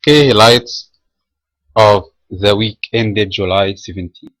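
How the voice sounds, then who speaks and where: A man from Egypt, a trading trainer, reading a market commentary webinar from a script in a measured way with small filler pauses. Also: on the low side, a bit bright, no echo, rough recording.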